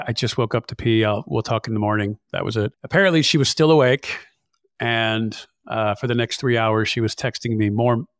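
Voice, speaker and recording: A man's voice: mid-range voice, no echo, clean studio sound. A man, a podcast host, candidly recounting a personal story in casual chat. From California. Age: older. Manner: candid, plain-spoken, recounting events.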